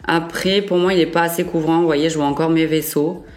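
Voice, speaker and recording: Low-voiced casual French beauty vlogger woman. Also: steady tone, brisk, darkish tone. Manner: chatty, frequent "euh" fillers and self-corrections. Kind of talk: casual makeup review.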